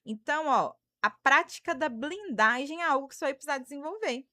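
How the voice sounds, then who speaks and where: A Brazilian woman in her thirties talks through a live stream as a psychologist, answering viewer comments and thanking people by name. Her voice sits a little high, and the sound is close and dry. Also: expressive, brisk, no room sound. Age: 30s. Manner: warm advice-giving, thanks viewers by name.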